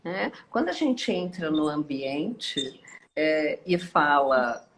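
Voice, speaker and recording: Slow, musing woman host. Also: sits low, lively intonation, slight background noise, poor audio. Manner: slow, musing, many hesitations and tag questions. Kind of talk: reflective live online talk.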